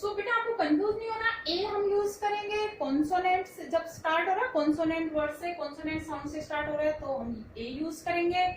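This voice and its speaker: एक महिला शिक्षिका अंग्रेज़ी व्याकरण धैर्य से समझाती हैं, खुद सवाल पूछकर खुद जवाब देती हैं और बच्चों को बेटा कहती हैं।. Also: female voice, very high voice, a little fast, hardly any pauses, reverberant, distant mic, slight background noise, rough recording. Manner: explains patiently, asks questions and answers them herself, calls students "beta". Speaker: English teacher. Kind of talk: classroom grammar lesson.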